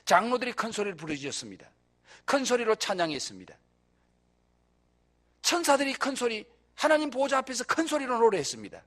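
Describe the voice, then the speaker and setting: Animated high-voiced male pastor preaching. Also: brisk, pauses often. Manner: rhetorical questions, emphatic swells in volume. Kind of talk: sermon. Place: church.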